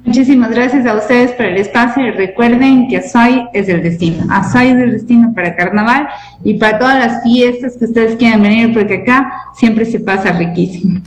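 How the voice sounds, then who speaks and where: A woman with an Ecuadorian accent, a guest official, who speaks slowly and enthusiastically, as if promoting a destination. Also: fairly high pitch, a little hiss or hum. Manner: enthusiastic, slow and descriptive. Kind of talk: promotional interview talk. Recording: echoey remote line, faint background.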